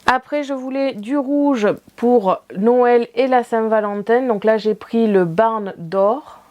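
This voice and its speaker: Chatty woman with a mellow voice. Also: on the high side, slow pace, muffled recording. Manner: chatty, many fillers, light laughs. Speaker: craft channel host. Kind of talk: casual haul video.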